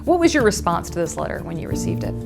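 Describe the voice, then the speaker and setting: A woman's voice: lowish voice, sing-song, quick pace, vocal fry, over music. An American woman working as an investigative reporter, delivering and probing in a news exposé style.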